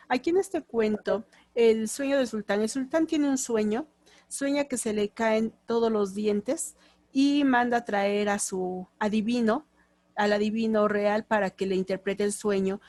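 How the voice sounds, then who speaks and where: A woman's voice: medium pitch, a little slow, a little mellow, no room sound. A woman with a Mexican accent, teaching a lecture class and now and then acting out quoted phrases in different tones. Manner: explanatory, acts out short quoted lines in different tones.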